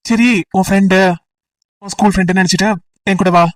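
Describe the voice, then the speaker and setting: A woman's voice: medium pitch, steady tone, brisk, distant mic, lightly acted, low-quality recording. A woman voicing a teasing, persistent young male college student in an amateur audio drama, talking in a playful, coaxing way.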